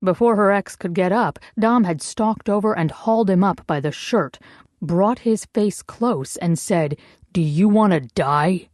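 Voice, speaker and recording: Slow, dry woman narrator. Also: medium pitch, no room sound. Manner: measured, even storytelling. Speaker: audiobook narrator. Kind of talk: scripted narration.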